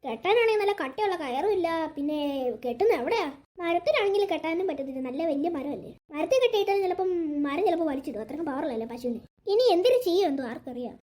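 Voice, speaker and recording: A woman voicing a fretful village grandmother in a cartoon, fussing and muttering to herself. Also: very high-pitched. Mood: fretting. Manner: fast, excitable, fussing to herself. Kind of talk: cartoon voice acting.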